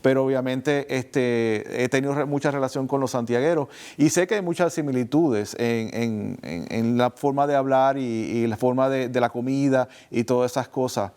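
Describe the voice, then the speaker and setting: A man hosts a relaxed interview. His voice sits in an ordinary middle register, and he keeps stopping, repeating words and filling gaps as he gathers his thoughts. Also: medium pitch, moderate pace, few pauses, clean tone. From Puerto Rico. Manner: hesitant, many fillers and restarts. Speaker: host. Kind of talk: casual interview chat.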